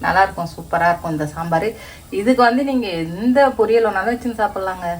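A woman's voice: mid-range voice, quick pace, low-quality recording. A woman hosting a casual home cooking vlog, chatting to her viewers as friends. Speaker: cooking vlogger. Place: home kitchen. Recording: kitchen sizzle and frying noise behind.

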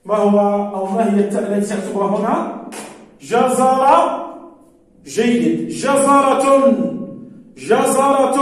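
A male primary school teacher giving a lesson to young pupils, drawing out and singing key words slowly. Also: sits high, darkish tone. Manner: stretches and sings out words slowly for children. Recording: echoey room, voice from a distance.

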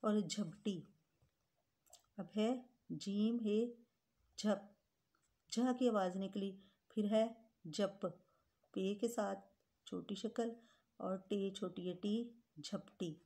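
Slow, mellow-voiced woman teaching spelling. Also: medium pitch. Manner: slow, patient, spells words letter by letter; addresses pupils as children. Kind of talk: grade-school Urdu grammar lesson.

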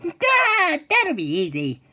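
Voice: high voice, wildly swooping pitch, slow pace, sharp tone, exaggerated voice. An actor voicing an eager, naive male sea-sponge driving student in an exclamatory, earnest cartoon style. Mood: eager, nervous. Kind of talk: cartoon voice acting.

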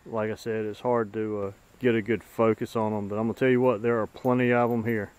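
A man's voice: lowish voice, flat delivery, a little fast, a little mellow, smooth. A middle-aged man narrating a hike as he films it outdoors on a woodland trail, talking in an easygoing, folksy, plain-spoken way. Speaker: bushcraft channel host. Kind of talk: casual narration while filming on a hike.

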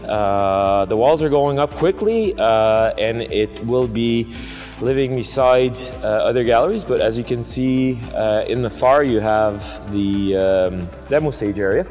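A man in his thirties giving a walking tour of a construction site, halting with many fillers. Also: mid-range voice, a little mellow, soft background music. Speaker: museum facilities director giving a site tour. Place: large indoor construction site.

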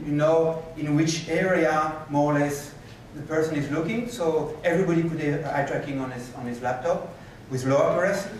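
A man giving a conference keynote and answering questions, animated and moving about the stage, recorded from a far camera in a lecture hall. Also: a little high, slight background noise. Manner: animated, gestures while pacing the stage. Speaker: keynote speaker. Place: lecture hall with projector screens. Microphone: far room camera.

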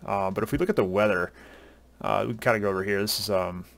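A man, chatting casually to camera through a headset at home, relaxed and rambling with many uhs and ums. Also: lowish voice, quick pace, vocal fry, no room sound. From Southern US. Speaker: ski vlogger. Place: home room at a desk.

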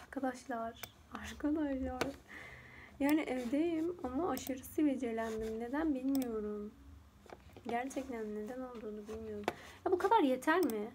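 A woman's voice: sits high, expressive, moderate pace, noisy background. A young woman chatting casually at home as she walks through a photo edit, rambling and laughing often. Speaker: YouTuber teaching photo editing. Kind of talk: casual screen-recorded tutorial chat.

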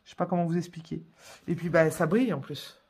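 A woman's voice: lowish voice, fast, a little mellow, breathy edge. A woman walks viewers through her coloring in an easy, conversational voice-over. She hesitates often and fills the gaps while she works. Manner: chatty, hesitant, many fillers. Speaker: coloring tutorial host. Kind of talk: casual voice-over tutorial.

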